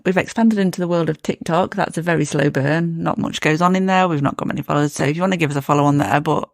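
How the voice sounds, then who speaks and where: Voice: medium pitch, quick pace, vocal fry, no room sound, studio quality. A podcast co-host chatting casually about their show and music news, laughing often. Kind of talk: casual chat.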